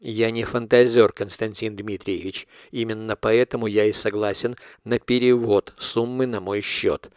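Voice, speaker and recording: A cold, calculating blackmailer, as an audiobook reader plays him, laying out his terms in cool clipped phrases. The voice sits fairly low and sounds smooth and resonant. The recording is close and dry, with no room sound. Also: steady tone, moderate pace, few pauses, no echo, close to an everyday voice. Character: cold calculating male blackmailer, middle-aged. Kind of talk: audiobook character reading.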